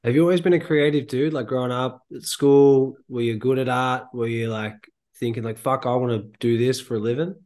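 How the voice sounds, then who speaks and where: A man's voice: medium pitch, steady tone, a little fast, few pauses, darkish tone. A man hosting an interview, asking questions in a blokey, informal, chatty way. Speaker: interviewer, host. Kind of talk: casual interview chat.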